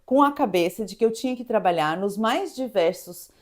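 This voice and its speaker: A woman from Brazil, in her thirties, telling a personal story in a casual, animated way, acting out scenes and laughing as she goes. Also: medium pitch, moderate pace. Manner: animated, laughing, acts out the shouting chef.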